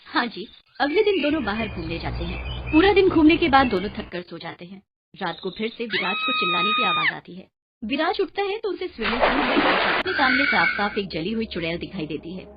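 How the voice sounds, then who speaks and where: Expressive woman narrating a horror tale. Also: a little high, a little fast. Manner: dramatic, expressive. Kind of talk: storytelling narration. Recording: muffled, with a clear hiss.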